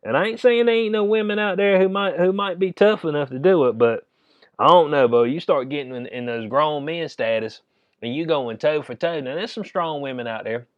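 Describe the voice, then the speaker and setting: A man's voice: fairly high pitch, brisk, clear, resonant tone, no room sound, muffled recording. A man with a Southern US accent giving a casual, comedic sports rant in an incredulous, slangy, chuckling manner. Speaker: commentator.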